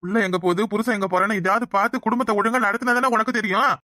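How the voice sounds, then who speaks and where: Woman voicing a fast, reproving cartoon older brother with a Tirunelveli Tamil accent; dry sound. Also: mid-range voice, pushed and bright, no echo, close to an everyday voice. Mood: stern. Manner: stern, reproving. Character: stern older brother, head of family.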